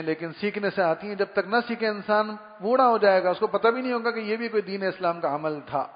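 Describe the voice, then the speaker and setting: A high-pitched male preacher delivers a sermon on manners in an easy, storytelling way, acting out small sounds to make his point. His voice rings with a long reverb, as in a large hall, and the recording sounds muffled and dull. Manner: conversational storytelling, imitates sounds. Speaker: Islamic preacher.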